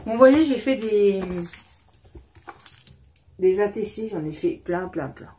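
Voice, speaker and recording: A woman's voice: medium pitch, lively intonation, takes it slowly, mellow, a little hiss or hum. Woman, 50s, vlog host; loose, rambling casual chat from a home desk. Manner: rambling, chatty, self-interrupting. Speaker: craft channel host.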